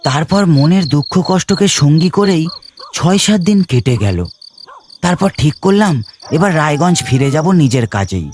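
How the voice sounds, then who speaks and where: Young male narrator, first-person cartoon tale, higher voice, earnest. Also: lively intonation, moderate pace, darkish tone, slight background noise. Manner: earnest, hurt, questioning. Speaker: narrator and lead character.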